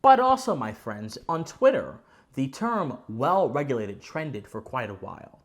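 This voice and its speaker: A man's voice: mid-range voice, sing-song, a little slow. A man hosting a commentary channel, explaining to viewers in a didactic, formally worded way with emphatic stress on key words. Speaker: host of a political commentary channel.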